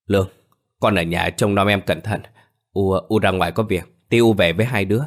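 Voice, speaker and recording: A man's voice: sits low, fairly even intonation, brisk. A man voicing a grieving young village mother who cries out in sobs. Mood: forced calm. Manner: wailing, sobbing cries.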